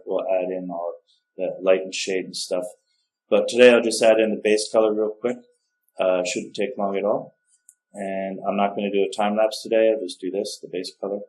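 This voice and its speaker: A man's voice: low-pitched, a little mellow, low-quality recording. Rambling man narrating a drawing session. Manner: rambling, self-correcting, unsure of pronunciations. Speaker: art tutorial host. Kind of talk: casual narrated drawing tutorial.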